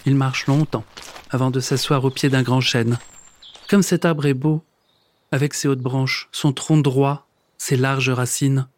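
A man narrating a children's story in a lively, expressive reading with playful sound words. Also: mid-range voice, a little slow. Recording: background noise.

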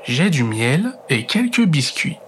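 A man voicing a small, kind hedgehog who is scared of the night, speaking softly and hesitantly. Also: fairly high pitch, very animated, takes it slowly, a little hiss or hum, exaggerated voice. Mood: shy, kind. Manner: soft, hesitant, stammering. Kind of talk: storybook read-aloud.

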